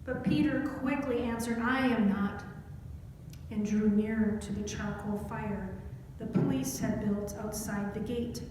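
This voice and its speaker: A woman reading a scripture story aloud in a church, slow and deliberate. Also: mid-range voice, steady tone, dark tone. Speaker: scripture reader. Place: church sanctuary. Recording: echoey hall with faint noise.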